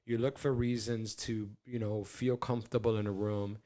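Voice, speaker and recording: A man's voice: on the low side, little pitch movement, moderate pace, dark tone. A man in his forties co-hosting a podcast in casual chat, rambling and stammering with plenty of swearing. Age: 40s. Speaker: podcast co-host.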